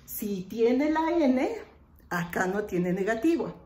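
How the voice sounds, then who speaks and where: A woman English teacher, patiently explaining grammar and slowly repeating example phrases. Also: a little high, animated, mellow, reverberant. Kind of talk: online lesson explaining grammar.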